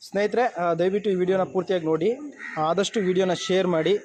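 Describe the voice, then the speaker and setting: A man's voice: sits high, steady tone, fast, darkish tone, reverberant, slight background noise, poor audio. A man running a shelter, making an earnest live video appeal and repeating his requests. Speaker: shelter founder.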